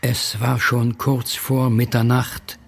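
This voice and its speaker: An actor as the narrator of a German horror radio drama, telling the story in a measured, solemn manner. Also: male voice, mid-range voice, level tone, vocal fry, slight background noise.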